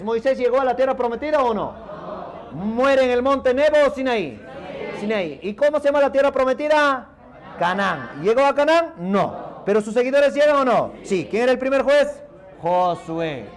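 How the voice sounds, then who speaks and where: A male teacher from Peru leading an exam review class in a classroom, firing quick questions at his students and answering them himself in a lower voice. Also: expressive, some chatter behind.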